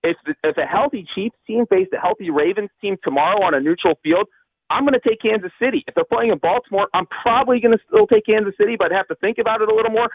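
A man's voice: high-pitched, husky, dry recording. Man talking over a tinny phone line. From Cincinnati. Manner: quick, confident, thinks aloud with fillers. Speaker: guest analyst. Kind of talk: sports radio call-in analysis.

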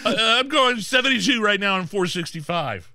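Animated, bright-voiced male radio co-host. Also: sits high, moderate pace. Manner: animated, exclamatory storytelling. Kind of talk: casual comic banter.

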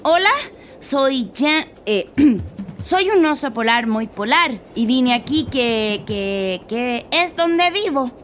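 A woman voicing a shy, anxious little boy in a storybook, talking high and slow with hesitant stammers. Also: expressive, a little hiss or hum. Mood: nervous. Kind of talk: storybook character voice. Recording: soft music playing behind.

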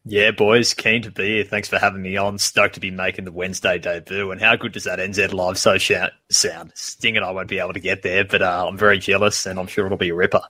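An upbeat man filling in on a sports podcast, cheerful and slangy. His voice is low, bright and a bit husky. The sound is dry. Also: little pitch movement, quick pace, hardly any pauses, no room sound. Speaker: fill-in podcast co-host. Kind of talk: casual sports podcast chat.

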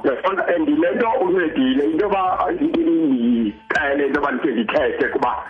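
A man's voice: a little high, narrow, tinny audio. A man in his sixties with a South African Xhosa accent, telling his story conversationally as an interview guest and often checking that his listener follows. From Eastern Cape, South Africa. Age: 60s. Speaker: interview guest, cancer survivor.

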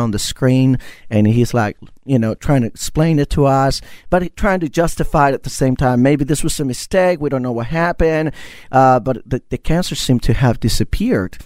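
A man's voice: medium pitch, a little mellow, no echo. Male guest pastor from Costa Rica, earnest storyteller, dry studio sound. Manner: earnest, storytelling, many fillers. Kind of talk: radio interview testimony.

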